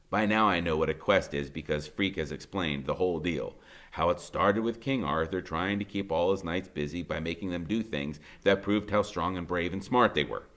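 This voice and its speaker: In a low voice, a man reads a children's novel aloud in the first person, sounding like a teacher. His delivery is expressive and colloquial.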